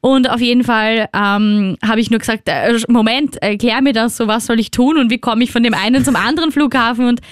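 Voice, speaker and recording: A woman's voice: on the high side, steady tone, fairly quick, few pauses, smooth, no echo, clean studio sound. A young Austrian woman telling a travel story in casual chat, acting out the people she quotes. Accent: Austrian German.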